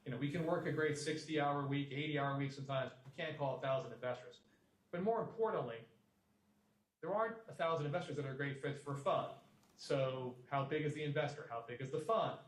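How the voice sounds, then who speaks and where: A man's voice: fairly high pitch, fairly quick. A man giving a guest lecture to a business class, plainspoken and fond of repeating homely sayings. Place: university lecture room. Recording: echoey room, voice from a distance.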